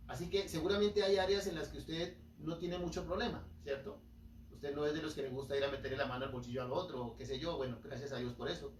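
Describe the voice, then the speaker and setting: Pastor, emphatic sermon, picked up from far off with faint room noise. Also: male voice, fairly high pitch, quick pace, roomy sound. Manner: preaching with emphatic rises and acted-out quotes. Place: church hall.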